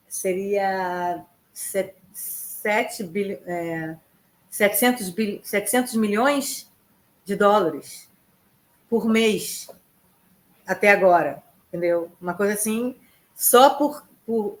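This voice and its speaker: A woman correspondent giving conversational news commentary, talking in a halting way with many restarts and fillers. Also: medium pitch, fairly bright tone.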